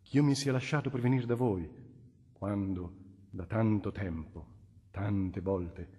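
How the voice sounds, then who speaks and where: A venerable old cardinal in an audiobook, speaking softly and affectionately in a low, husky voice, as a male reader puts him on. A long reverb trails his words. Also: slow pace. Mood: gentle. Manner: affectionate, calm, lower and softer speech.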